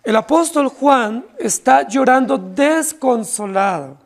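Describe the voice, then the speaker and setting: A pastor from Colombia preaching an impassioned, pleading expository sermon to his congregation, often dropping his voice low on key words. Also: animated, slow, gravelly. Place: church congregation.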